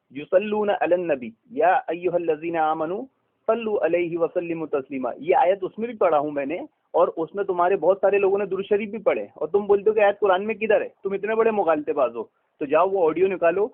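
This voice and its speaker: A man with an Indian Urdu accent argues hard in a religious debate, lecturing and accusing his opponent. His voice sits fairly high. It comes through a tinny, phone-like line. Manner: accusing, lecturing, cites scholars.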